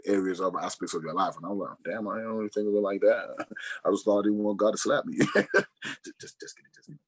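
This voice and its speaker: A man's voice: deep voice, breathy edge, no room sound. Young man, podcast co-host, laughing, storytelling, casual. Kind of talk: casual chat.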